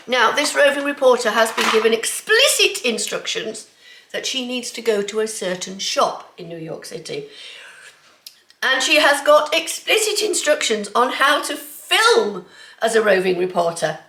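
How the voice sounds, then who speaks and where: Pushed and bright, her fairly high voice comes through a cold that leaves her stuffed up. The sewing vlogger rambles casually with lots of ums from her home kitchen, and the recording is echoey with faint background noise.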